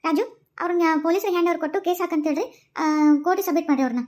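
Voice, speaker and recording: A woman's voice: very high-pitched, rapid-fire, darkish tone. A woman voicing a firm cartoon lady detective. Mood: commanding. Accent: North Karnataka Kannada. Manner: commanding, reassuring. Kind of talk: cartoon voice acting.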